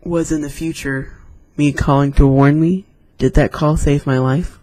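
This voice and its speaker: A man's voice: fairly high pitch, fairly even intonation, a little slow, darkish tone, dry recording. A man casually reading scary stories aloud, with chatty, rambling asides between them. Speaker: YouTube storyteller.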